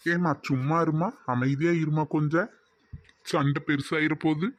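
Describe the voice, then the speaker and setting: A man's voice: fairly high pitch, fairly even intonation, normal speed, no echo, close to an everyday voice. A man voicing a devoted young husband and son in a family cartoon, consoling and pleading. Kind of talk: cartoon voice acting.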